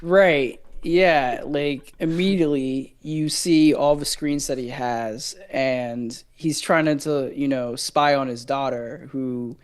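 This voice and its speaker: A man's voice: mid-range voice, fairly even intonation, takes it slowly, hardly any pauses, clear, resonant tone. A young man guesting on a casual movie review, rambling with lots of fillers, slang and swearing.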